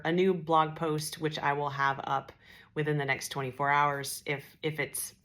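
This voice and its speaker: A woman's voice: deep voice, a bit bright. A woman hosting a casual spiritual vlog, earnest and reassuring, with a groggy morning voice. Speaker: spiritual channeler and host. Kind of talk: casual direct-to-camera vlog.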